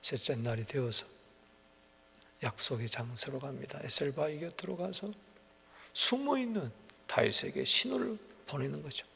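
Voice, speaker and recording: A male pastor giving an early-morning sermon, retelling the story in a lively, dramatic way. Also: mid-range voice, moderate pace, vocal fry, slightly rough. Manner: animated storytelling, acts out quotes. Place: church sanctuary. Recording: long hall reverb.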